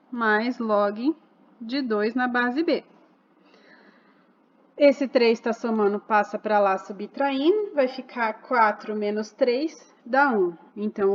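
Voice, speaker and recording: A woman's voice: fairly high pitch, dull audio. A woman explaining a math exercise step by step, patient and asking rhetorical questions as she goes. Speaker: math teacher.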